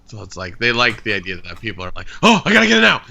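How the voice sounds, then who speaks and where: A man's voice: wildly swooping pitch, racing, creaky, pushed and bright. A man co-hosting a casual podcast, talking in a rambling way through a tinny, metallic microphone that sounds like a tin can. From Canada. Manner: rambling, with fillers and frequent laughs. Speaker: podcast co-host. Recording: tinny low-fi remote microphone.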